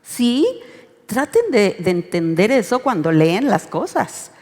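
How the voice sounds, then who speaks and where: A woman with a Mexican accent leading an interactive Bible study lesson, expressive and urging the group to read along. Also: medium pitch, slow. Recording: reverberant hall sound.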